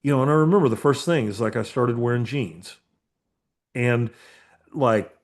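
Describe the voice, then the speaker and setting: A man's voice: mid-range voice, normal speed. A man in his fifties, a therapist hosting a podcast, chatting casually with many restarts and casual swearing. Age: 50s. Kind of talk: casual conversation.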